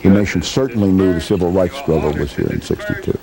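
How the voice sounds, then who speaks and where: A man in his sixties, a retired news anchor, looking back on his career in a relaxed interview and chuckling easily. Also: low-pitched, fast talker, vocal fry, background noise. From United States. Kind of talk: reflective interview recollection. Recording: faint music underneath.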